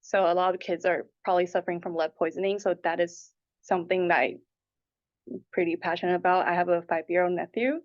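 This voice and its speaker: Fairly low-pitched and fairly quick, the woman's delivery stays flat as she earnestly responds to interview questions in a conversational manner. The applicant is in her twenties and comes from Taipei and Hong Kong. Sound quality is dull and lo-fi.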